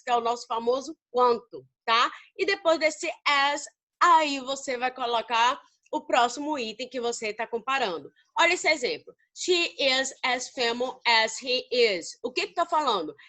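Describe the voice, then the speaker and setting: Brazilian woman teacher, high-pitched and bright, fond and chatty, asks and answers her own questions. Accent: Brazilian Portuguese. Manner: affectionate, calls students babies. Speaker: English teacher. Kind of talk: recorded grammar lesson.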